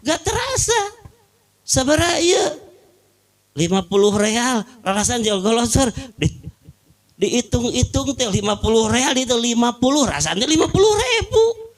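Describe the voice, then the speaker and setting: Man, Sundanese accent, middle-aged, preacher, animated pitch, slightly high voice, storytelling sermon. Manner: lively storytelling, mixing in local phrases and Arabic quotations. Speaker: Islamic preacher. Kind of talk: sermon at a home gathering.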